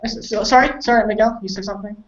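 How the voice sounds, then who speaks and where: Speaking fast at a medium pitch with fairly even intonation, a Canadian-accented woman teaches English conversation. She runs an informal online lesson indoors on a group call, repeating and simplifying her phrasing for learners, and the call audio sounds dull and roomy.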